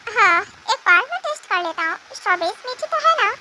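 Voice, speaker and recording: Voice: extremely high pitch, big pitch swings, fairly quick, sharp tone, heavily acted. A fan dubber voicing a patient young husband and father who sounds soothing, indulgent and mildly exasperated. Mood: fond. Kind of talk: amateur fan dub. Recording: noisy home recording.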